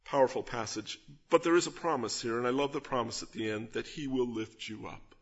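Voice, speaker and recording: A man delivers an expository sermon in a husky, somewhat breathy voice. He teaches earnestly, stressing key words and asking rhetorical questions of his listeners. The recording sounds slightly dull and lo-fi. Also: medium pitch, fairly quick. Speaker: pastor.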